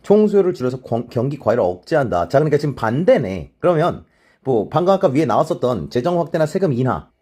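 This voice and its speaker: A man teaching an exam-prep lecture, talking casually and checking in with his students all the time with quick tag questions. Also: mid-range voice, big pitch swings, dark tone. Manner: mixes polite and plain speech; many short filler replies to himself.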